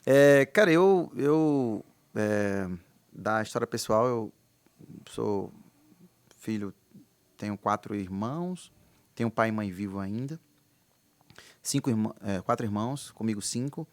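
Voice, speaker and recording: A man's voice: lowish voice, expressive, unhurried, long pauses, darkish tone, no room sound. Laid-back man from Recife, Pernambuco accent. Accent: Pernambuco Portuguese. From Recife, Brazil. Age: 30s. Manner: laid-back, hesitant, lots of fillers and restarts. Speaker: podcast guest, air-conditioning instructor. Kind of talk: casual podcast chat.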